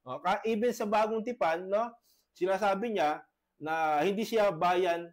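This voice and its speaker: A high-pitched man, a pastor, lays out his case in an online debate in a halting way, tagging his points with questions. He has a cough and keeps clearing his throat, heard through a video-call mic. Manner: halting, many tag questions. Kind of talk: debate presentation.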